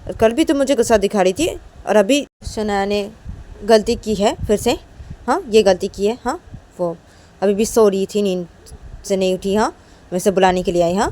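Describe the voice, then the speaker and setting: A woman voicing a short-tempered mother who scolds with repeated sharp "haan?" tags. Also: medium pitch, a little slow, hardly any pauses, lightly acted. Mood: scolding. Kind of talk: storytelling with acted dialogue.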